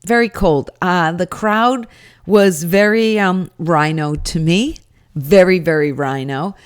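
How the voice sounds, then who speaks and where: Woman, somewhat low-pitched, casual recap, chatty, wry, opinionated, first-person commentary. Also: slow, clear, resonant tone. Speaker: rally attendee giving commentary.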